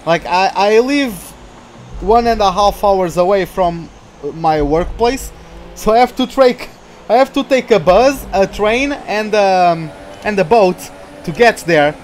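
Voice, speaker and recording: A young man from Portugal speaks slowly in a high voice while streaming a racing game, chatting with his audience, reading their names, and reacting to the race. A little hiss or hum runs underneath.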